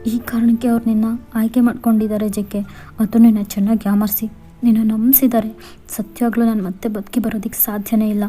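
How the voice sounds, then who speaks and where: A woman voicing a young fiancée in a Kannada fan-fiction audio story, explaining things in a hushed, earnest way. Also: a little high, little pitch movement, a little fast, faint music behind, natural voice. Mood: urgent. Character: young woman, dead fiancée, calm and urgent.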